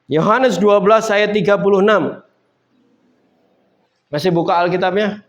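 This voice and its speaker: A man's voice: sits high, unhurried. A man preaching a sermon in a casual, conversational way, building up to emphatic points. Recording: dull lo-fi sound.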